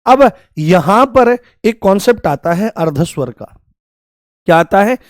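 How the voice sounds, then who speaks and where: Male teacher, high voice, repetitive quizzing, drills pronunciation, dry close recording. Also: expressive, unhurried, no echo. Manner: repeats key points and quizzes students with questions; addresses students affectionately and drills pronunciation aloud. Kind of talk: live online exam-prep class.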